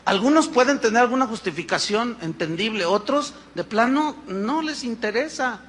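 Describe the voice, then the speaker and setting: A pastor, preaching a sermon, asking rhetorical questions and acting out little dialogues. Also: male voice, high-pitched, pushed and bright. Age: 50s.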